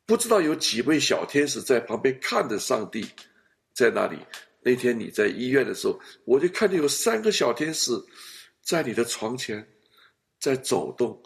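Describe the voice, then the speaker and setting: A man's voice: mid-range voice, moderate pace, vocal fry. A male pastor in a counseling chat, telling family stories and acting out the scenes as he goes. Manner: animated storyteller, acts out family scenes.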